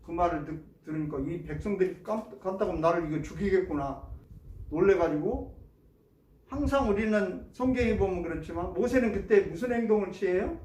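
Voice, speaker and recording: High-voiced pastor preaching in a roomy church. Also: male voice, brisk, a little mellow. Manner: asks the congregation questions, acts out prayers and complaints. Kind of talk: sermon. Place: church sanctuary. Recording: roomy church sound from a distant mic.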